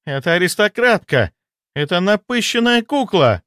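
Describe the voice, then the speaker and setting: A man voicing a jealous, desperate female doctor in an audiobook, pleading and shrill. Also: lively intonation, moderate pace, fairly bright tone, dry recording, studio quality. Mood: hysterical. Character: jealous, hysterical female doctor, young adult.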